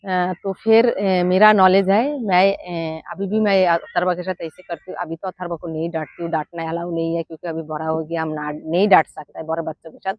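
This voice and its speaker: A middle-aged woman, a mother, giving frank, down-to-earth parenting advice in a casual vlog, pausing often with "uh". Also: fairly low pitch, fairly even intonation, no echo, dull audio. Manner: frank and down-to-earth, with many "uh" pauses.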